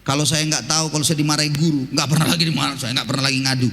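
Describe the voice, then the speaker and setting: A man preaching a sermon as pastor, telling stories in a lively, colloquial way with rhetorical questions. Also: a little high, rapid-fire, long reverb tail.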